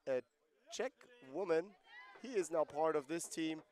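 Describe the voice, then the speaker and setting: A man calls a lacrosse game live as a play-by-play commentator, keeping it conversational and explaining rules and player backgrounds between plays. His voice is on the high side and a little mellow, with lively intonation and a slightly slow pace.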